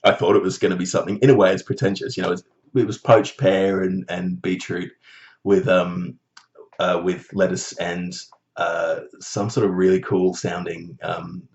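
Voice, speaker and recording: A man telling a story in a casual vlog, animated and swearing, mocking others in high voices. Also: normal speed, gravelly, lo-fi sound. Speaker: vlogger.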